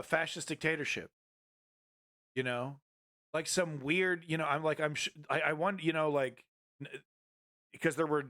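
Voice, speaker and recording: A man's voice: fairly high pitch, fairly bright tone, no room sound, clean studio sound. Rambling, swearing man streamer. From United States. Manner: rambling, many restarts and expletives. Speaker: streamer host. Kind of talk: casual live-stream commentary.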